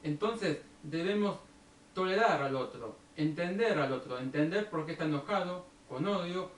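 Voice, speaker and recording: A man with a Rioplatense Argentine accent telling a personal story at an unhurried pace and drawing a lesson from it. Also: a little high, animated. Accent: Rioplatense Argentine Spanish. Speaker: video blogger. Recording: echoey room, distant from the mic, faint background noise.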